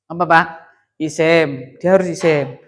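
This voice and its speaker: A man's voice: on the high side, fairly even intonation, unhurried, slight background noise. A man teaching grammar in a classroom, quizzing students in call-and-response.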